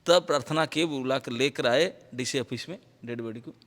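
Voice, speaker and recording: A man's voice: mid-range voice, moderate pace, fairly bright tone. A man, a monk preacher, telling a story in a sermon, acting out the people he quotes and mixing English words into his Hindi. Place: temple hall. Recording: echoey hall with long reverb.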